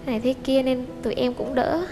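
A woman's voice: high-pitched, flat delivery, a little fast, big-room sound, over music. A young woman chats on a TV talk show. She tells her stories as a guest, linking one event to the next with "xong", and mimics the people she quotes. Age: young adult. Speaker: guest daughter-in-law. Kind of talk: casual storytelling on a TV talk show.

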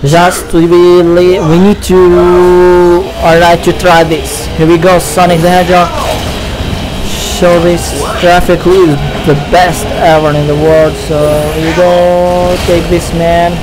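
A young man from Tunisia, English not his first language, giving excitable live gameplay commentary with halting phrasing and swearing. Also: high voice, low-quality recording. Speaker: let's player. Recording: loud game music behind. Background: racing game music.

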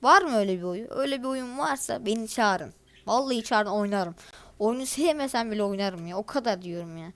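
A woman's voice: a little high, lively intonation, a little fast. A teenage girl, casually commenting over her gameplay in a chatty, grumbling way and talking straight to her viewers. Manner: chatty, grumbling and exasperated, addresses viewers directly. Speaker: gaming video creator.

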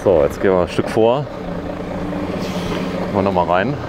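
A man with a low, expressive voice speaks at normal speed as he hosts a vlog at a demolition site. Curious and chatty, he interviews the workers and comments on the job, with outdoor noise and traffic in the background.

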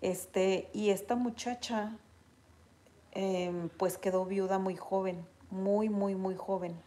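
Mexican woman, casual vlog chat with viewers, unhurried delivery, soft warm tone. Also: mid-range voice. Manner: chatty, animated retelling, laughs often. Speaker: vlogger reading viewer comments.

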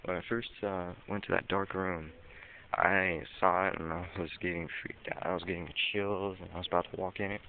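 Deep-voiced hesitant man on tinny audio. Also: flat delivery, fairly quick. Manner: hesitant, many ums, easily spooked. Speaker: vlogger exploring an abandoned store. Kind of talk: casual walkthrough narration. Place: large dark empty store interior. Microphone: handheld camera mic. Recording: tinny lo-fi camera audio with faint hiss.

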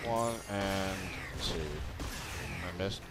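In a low voice with fairly even intonation, a man hosts a gaming video at an extremely slow pace against a noisy background. He chats casually and playfully through the let's play, exclaiming sound effects often. Behind him are video game music and sounds, and the game audio is doubled.

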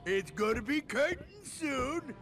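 A slow, gravelly, gloating voice from a big scheming villain captain in a game. He sounds smug and self-satisfied, with a high, swooping pitch, and clear game music plays behind him. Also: very animated, exaggerated voice.

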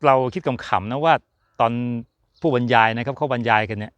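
A man in mid pitch chats casually about racing, jokey and loose, full of fillers and asides. His voice is smooth and resonant. It sounds close and dry, with no room around it. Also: a little fast, fairly bright tone, dry recording, lo-fi sound. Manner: chatty, jokey, rambling with fillers. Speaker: F1 channel host. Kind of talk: casual chat to camera.

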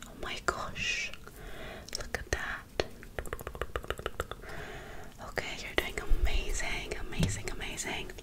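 A woman's voice: slow pace, pauses often. Young woman whispering an ASMR role-play. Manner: whispering throughout; repeats words in clipped, soothing bursts. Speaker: ASMR performer playing a personal face-care attendant. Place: small dim bedroom, indoors. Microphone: close in front of her.

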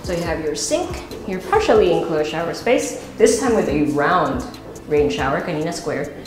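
A deep-voiced woman with a Filipino accent, very animated and speaking at a normal speed, hosts a casual, chatty house tour while walking through empty rooms and a stairwell indoors. Her unscripted talk slips into Tagalog asides. A wireless body mic with its pack at her waist captures the echo of the bare rooms, with music playing underneath.

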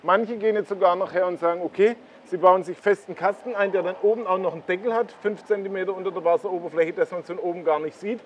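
A man explains things in a relaxed way outdoors beside a pond, his voice sitting a little high. He keeps pointing things out to the viewer as he goes. A faint outdoor hum runs behind him. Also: fast, hardly any pauses. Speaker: koi blog host. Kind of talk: casual on-site explanation.

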